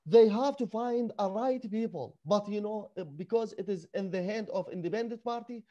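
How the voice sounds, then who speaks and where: Male guest, activist; high, warm voice; emphatic, English; slightly muffled recording. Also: moderate pace. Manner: earnest and emphatic, non-native English with broken grammar. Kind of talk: conversational interview.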